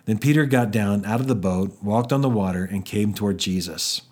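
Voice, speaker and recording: Low-voiced man teaching the Bible. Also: normal speed, darkish tone. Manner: conversational, with frequent restarts and fillers.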